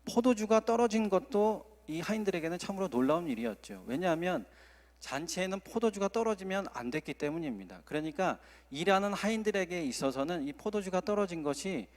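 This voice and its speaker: A man's voice: sits high, very animated, brisk. A male associate pastor preaching a sermon at a Friday service, earnest and acting out quoted dialogue. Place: church sanctuary. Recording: long church hall reverb.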